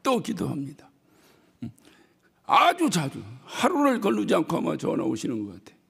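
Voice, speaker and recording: A male pastor preaching a sermon, telling stories about his congregation with lively acted-out quotes and bursts of shouting. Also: high voice, normal speed, vocal fry, slightly rough. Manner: animated storytelling, mimics congregants and shouts. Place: church hall. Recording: reverberant church hall.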